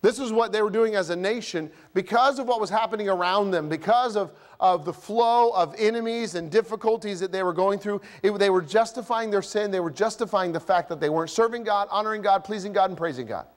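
High-voiced pastor preaching in a reverberant church. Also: male voice, fairly quick, hardly any pauses. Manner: animated preaching, acts out grumpy dialogue. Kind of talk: sermon. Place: church sanctuary.

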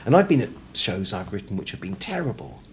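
With a lowish voice that swings widely in pitch, a British man chats fairly quickly as a guest in a casual interview. Talkative and self-mocking, he hesitates and repeats words, while room ambience and clear background noise sit behind him.

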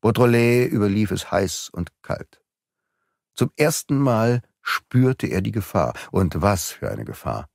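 Lower-voiced male audiobook narrator. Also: very animated, measured pace, creaky, a little mellow, dry recording, studio quality.

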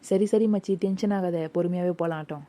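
A woman's voice: fairly low pitch, brisk, warm tone, natural voice. A woman voicing a mocking teenage schoolboy. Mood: teasing. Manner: teasing, mocking. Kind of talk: cartoon voice acting.

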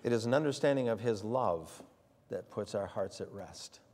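A man's voice: on the low side, expressive, normal speed, darkish tone. Older man, folksy sermon, long church reverb. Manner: folksy storytelling with many fillers. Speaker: preacher. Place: church sanctuary.

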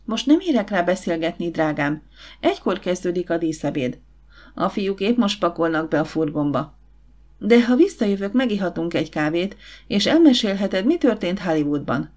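A woman voicing a confident, warm young woman who runs a catering business, in an audiobook. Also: lowish voice, very animated. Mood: warm brisk. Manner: brisk, encouraging.

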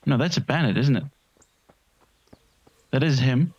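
A man's voice: medium pitch, measured pace, a little mellow, lo-fi sound, a little hiss or hum. Foul-mouthed man joking through a game. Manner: crude, swearing, joking running commentary. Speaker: gaming channel host. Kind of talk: casual let's-play commentary.

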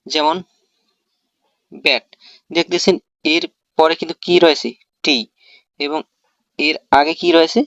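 A man with a fairly high, level voice teaches English pronunciation, breaking the rules down step by step and answering questions he asks himself. He talks a little slowly, leaving long pauses, and his tone is a bit bright. The recording is muffled and has no echo.

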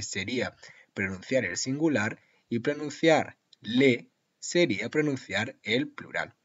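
A man teaching French vocabulary to Spanish speakers, saying each example slowly and repeating it. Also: medium pitch, a bit bright, breathy edge, muffled recording. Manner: slow, drawn-out model pronunciations with repetition. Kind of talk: language lesson.

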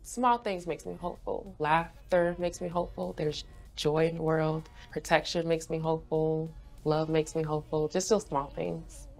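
A woman's voice: low voice, fairly even intonation, normal speed, vocal fry, darkish tone, soft background music. A young woman from Haiti who grew up in Florida, answering interview questions in a bubbly way and laughing often, seated in an indoor studio. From Haiti, raised in Florida. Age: young adult. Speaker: guest, brand ambassador.

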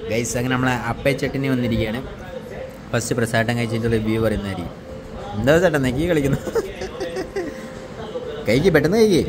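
A man's voice: medium pitch, fast. A man with a Malayali accent chatting casually for a food vlog, teasing and mixing English words into his Malayalam. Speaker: vlogger. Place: indoor restaurant. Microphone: handheld phone. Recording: busy restaurant with background chatter.

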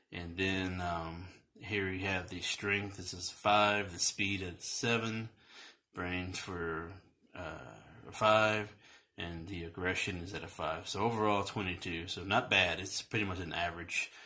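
A man casually reviewing a toy as he unboxes it, talking in a relaxed, rambling way with many fillers and restarts. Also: low-pitched.

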